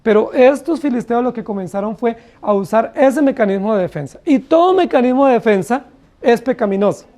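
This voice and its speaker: A man's voice: extremely high pitch, animated, a little fast, dark tone. A man with a Colombian Spanish accent, preaching a Bible study sermon in a church, often asking the congregation rhetorical questions and acting out quoted excuses. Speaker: pastor.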